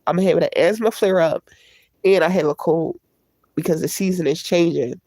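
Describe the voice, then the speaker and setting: A woman with a lowish, warm voice, stuffy and congested from a cold, chats at a moderate pace with her livestream viewers through a tablet. She talks candidly and at length, rambling and reflecting as she goes. The recording is dry.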